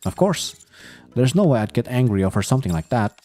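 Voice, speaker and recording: A man reading a calm, reassuring commander. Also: medium pitch, brisk, faint music behind, lightly acted. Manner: steady, reassuring.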